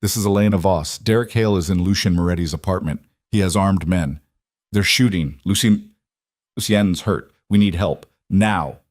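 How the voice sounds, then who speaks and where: A man's voice: sits low, moderate pace, darkish tone, dry recording, studio quality, lightly acted. A man voicing a frightened young woman who pleads desperately.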